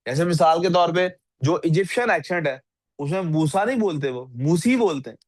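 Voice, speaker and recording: A man's voice: a little high, expressive, fairly quick, no room sound. A male teacher giving a classroom lecture and often asking his students questions. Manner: asks the class frequent questions, scolds sleepy students.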